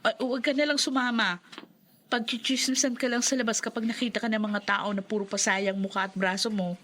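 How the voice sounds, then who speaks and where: An actress playing a caring, insistent friend who coaxes and fusses, in old radio show acting. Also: female voice, a little high, steady tone, fairly quick, fairly bright tone, lightly acted. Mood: concerned, coaxing. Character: caring, insistent female friend tending the injured. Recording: noisy background ambience.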